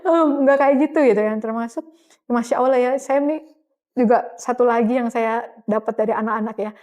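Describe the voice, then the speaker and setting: A woman's voice: a little high, steady tone, a little fast, darkish tone. A middle-aged woman, telling her story as an interview guest in a casual, chatty way with frequent laughs and fillers.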